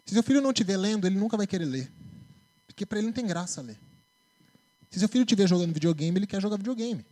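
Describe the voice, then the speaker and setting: A man's voice: high-pitched, racing. A man with a Brazilian Portuguese accent preaching a sermon in a church, talking in a conversational way and often asking "né?". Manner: conversational, animated preaching with tag questions. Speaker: preacher and psychologist.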